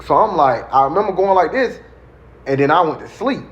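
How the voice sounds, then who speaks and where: A guest storyteller recounts a personal story in casual conversation, animatedly acting out the people's voices and even siren sounds. His voice is fairly high and brisk, and the recording is slightly dull with faint noise.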